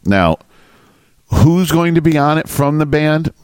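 A man's voice: a little high, animated, a little slow, smooth, no echo. A man hosting a podcast, teasing and easygoing in casual banter. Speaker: podcast host.

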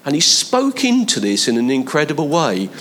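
A man's voice: fairly high pitch, wildly swooping pitch, moderate pace, a bit bright, a little hiss or hum. A man preaching a conversational sermon, building to emphatic appeals to his listeners. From London, England.

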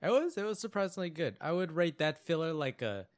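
Chatty man with a slightly high voice. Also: big pitch swings, fairly quick. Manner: casual storytelling with many fillers and playful quoted voices. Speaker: podcast co-host. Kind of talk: casual chat reviewing anime episodes.

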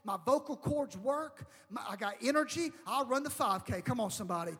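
A young adult male pastor, preaching with a sung, chanting cadence and dropping into quick, low asides. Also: animated, a bit bright, breathy edge. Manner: shifts into fast, low, conversational asides. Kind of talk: sermon. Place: church fellowship hall. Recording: long hall reverb.

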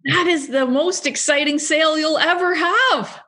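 A woman's voice: high voice, measured pace, bright, forceful tone. A woman co-hosting a business podcast, chatting enthusiastically, laughing often and acting out little quoted thoughts. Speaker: podcast co-host, business coach. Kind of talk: casual chat.

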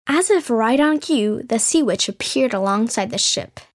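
A woman's voice: a little high, animated, normal speed. A woman telling a fairy tale as the show's storyteller in scripted narration, with playful, sarcastic asides.

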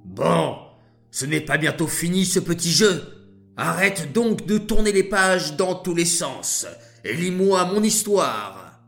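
A man's voice: medium pitch, lively intonation, slow pace, soft background music. A man voicing an impatient, grumpy king who growls and barks orders in a storybook tale. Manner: growling, loud and bossy.

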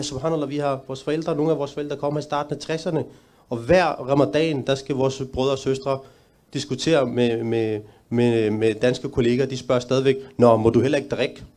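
A middle-aged man answering a question at a talk, earnest and measured, sometimes restarting a sentence. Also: mid-range voice, fairly even intonation, darkish tone. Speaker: panel speaker.

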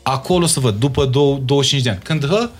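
Young man, Moldavian Romanian accent, interview guest, emphatic, repeats words for stress, faint music behind. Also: medium pitch. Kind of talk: casual interview talk.

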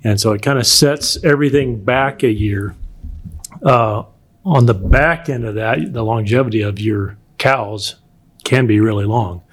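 Male interviewee, rancher type, explanatory and measured, halting delivery with throat-clearing. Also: on the low side. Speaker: bison producer being interviewed.

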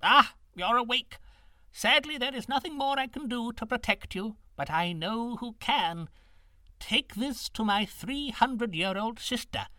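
A man's voice: extremely high pitch, expressive, a little slow, pushed and bright, no room sound, voice pushed up, full character voice. A man voicing a tiny, very old, wise and kindly woman in a storybook reading, giving fussy, precise directions.

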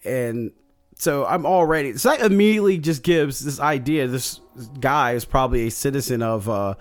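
Animated and at a moderate pace, a slightly hoarse, medium-pitched man hosts a solo podcast recapping his tabletop campaign. His casual delivery rambles, packed with fillers and restarts.

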